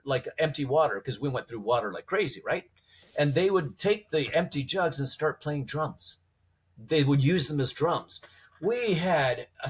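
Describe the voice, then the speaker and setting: A man with a slightly husky voice telling stories conversationally as a guest, informally acting out quoted dialogue and posing rhetorical questions. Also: mid-range voice. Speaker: podcast guest, former police trainer. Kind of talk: animated conversational storytelling.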